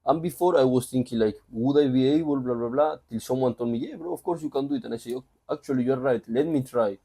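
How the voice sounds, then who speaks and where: Talking quickly in a husky, dark-toned voice of medium pitch, a book reviewer from Spain summarizes a book. His Spanish-accented delivery is loose and conversational, full of asides.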